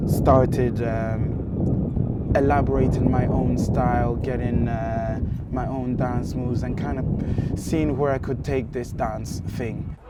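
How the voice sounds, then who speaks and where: A man, talking to camera about his career as a dance school director, relaxed and steady with frequent ums. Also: medium pitch, a little hiss or hum. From Italy.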